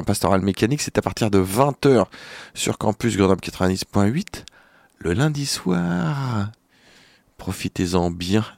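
A man's voice: low voice, darkish tone, dry recording, clean studio sound. A man hosting a radio show, chatting casually and hesitantly with many fillers and restarts. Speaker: radio host.

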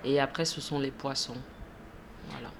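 A woman's voice: rumbling low, fairly even intonation, moderate pace, slight background noise. A woman in her thirties from Ivory Coast, a shop manager, answering interview questions hesitantly with frequent fillers and laughs. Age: 30s. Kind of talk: radio interview.

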